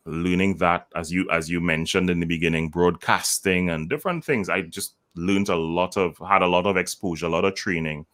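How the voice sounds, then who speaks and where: A man who works as a voice coach, explaining his methods as an interview guest in a measured way and demonstrating lines with deliberate intonation. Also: sits low, sharp tone. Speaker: voice communication coach.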